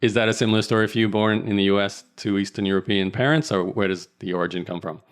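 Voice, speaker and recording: A man's voice: fairly low pitch, steady tone, fast, clean tone. A man from Australia hosting an interview podcast, chatty and rambling, with frequent restarts. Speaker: podcast host. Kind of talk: casual interview chat.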